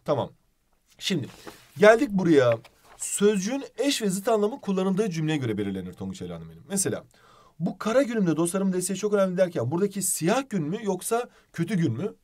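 A man teaching a video lesson, playful and animated, asking questions as he explains. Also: high voice, brisk.

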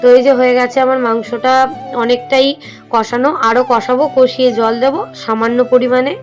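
A young mother vlogs from her home kitchen, walking viewers through her cooking in a chatty, step-by-step way. Her voice sits high and bright, and she slips into a coaxing, sing-song tone with her little ones. Background music runs clearly under her talk. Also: steady tone, normal speed, muffled recording. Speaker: lifestyle vlogger and mother. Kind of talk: casual home vlog narration.

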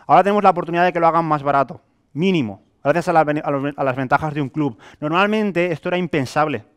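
Speaking fast, clearly and with a resonant tone, a young man from Spain pitches to a small live audience in a hotel meeting room. His voice runs slightly high for a man, and his sales talk is casual and animated, full of rhetorical questions and everyday examples.

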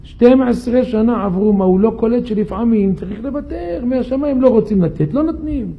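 A man's voice: very high-pitched, muffled recording. A man, a rabbi, telling a story in a synagogue sermon and questioning his listeners. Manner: animated, questions the audience.

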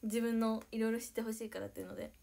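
Young woman, high bright voice, bubbly livestream chatter, giggly, reads out viewer comments. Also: racing, gravelly. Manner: excitable, giggly, thanks viewers by name. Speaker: idol livestreamer. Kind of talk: casual livestream chat reading viewer comments.

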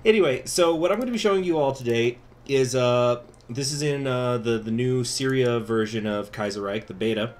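A man's voice: mid-range voice, normal speed, few pauses, a little mellow. A man speaking through a face mask, giving a chatty, informal strategy game tutorial as the host. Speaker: gaming video host. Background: music.

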